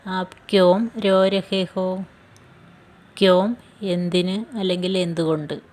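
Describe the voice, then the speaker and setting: Very slow, even-toned woman teacher. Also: on the low side. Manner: slow, careful phrase-by-phrase drilling with repetition. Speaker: language teacher. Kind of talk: scripted language lesson.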